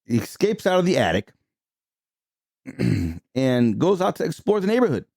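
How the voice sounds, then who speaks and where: Podcast host, man, animated storyteller, close dry mic. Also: a little high, normal speed, vocal fry, dry recording. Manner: chatty, retelling plot with filler words. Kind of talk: casual movie recap chat.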